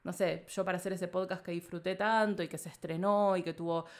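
A woman's voice: lowish voice, steady tone, fairly quick. A woman with an Argentine accent, a guest in an interview, talking casually and reflectively. She rambles and thinks aloud, leaning on filler phrases, and laughs now and then. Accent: Argentine Spanish.

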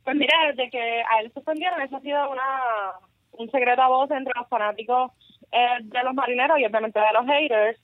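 A woman's voice: high-pitched, fairly even intonation, a little fast, no room sound. A woman giving casual sports commentary as a podcast co-host. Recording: muffled, radio-like narrow sound.

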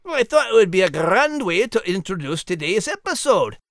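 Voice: mid-range voice, very animated, fairly quick, no room sound, clean studio sound. An actor voicing Max-style cheerful, simple-minded male Scottish dog in a children's audio drama, with hearty, folksy speech.

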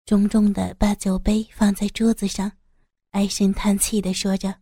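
A woman narrating an audiobook story in an even, measured way. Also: mid-range voice, breathy edge, dry recording, clean studio sound.

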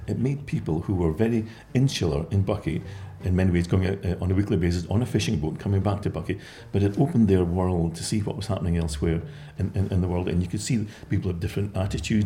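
A man's voice: low voice, fast, hardly any pauses, warm tone, slight background noise. A man from Scotland who runs a care home, answering interview questions in a reflective way, often repeating words as he thinks.

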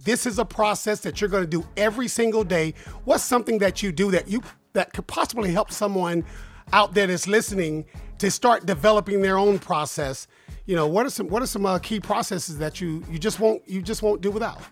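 Casting note: excitable male podcast host, high and husky, rambles into his questions. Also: a little fast, faint music behind. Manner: enthusiastic, joking, rambling questions. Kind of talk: casual podcast chat.

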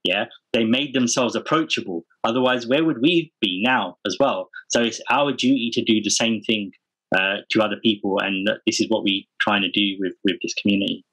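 A man's voice: fairly low pitch, moderate pace, fairly bright tone, slightly rough, rough recording. A man speaking earnestly and informally as a guest in a casual podcast interview. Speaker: podcast guest, parenting community founder.

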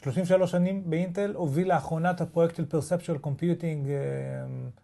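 A man's voice: a little high, fairly even intonation, vocal fry, dark tone. A man with an Israeli accent co-hosting a casual tech news chat in an informal, slangy way. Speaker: podcast co-host.

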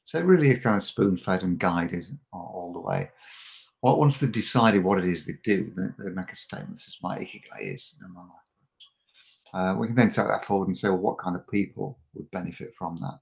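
Low gravelly man, halting chat. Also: sing-song. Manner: frequent repeated words and restarts. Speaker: podcast guest, marketing coach. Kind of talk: casual interview chat.

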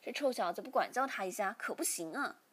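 A woman voicing a stern, angry older father who scolds his son, in a breathy, indignant reading. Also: mid-range voice, lively intonation, brisk, natural voice. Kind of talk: storytelling reading.

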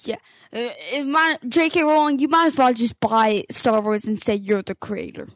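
A woman's voice: on the high side, steady tone, normal speed, no echo. A woman co-hosting a casual book podcast, chatty and rambling, often correcting herself mid-sentence. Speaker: podcast co-host. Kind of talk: casual chat about a book.

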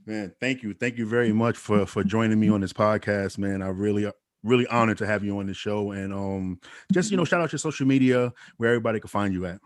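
A man hosting a podcast, thanking his guest in a relaxed, casual way. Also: on the low side, fast. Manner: relaxed, gives short backchannels. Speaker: podcast host. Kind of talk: casual interview chat.

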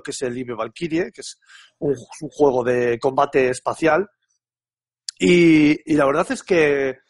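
A man's voice: a little high, no room sound, clean studio sound. A man with a Castilian Spanish accent chatting casually and colloquially about games as a podcast panelist, often repeating words as he goes. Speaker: video game podcast panelist. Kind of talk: casual game review chat.

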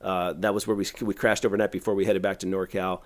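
A middle-aged man, a youth pastor, telling a long story on a podcast in a rambling, animated way full of "like". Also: sits low, quick pace. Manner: animated, rambling, heavy use of "like".

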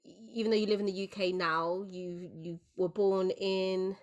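A woman's voice: mid-range voice, fairly even intonation, unhurried, dull audio. Chatty woman hosting a podcast. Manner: chatty, encouraging with frequent backchannels. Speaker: podcast host. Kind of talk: casual podcast interview.

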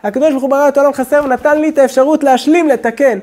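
A male rabbi giving a sermon, speaking slowly and deliberately and often dropping to a low, quiet tone. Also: fairly even intonation. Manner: slow, deliberate preaching with sudden drops to a low hush.

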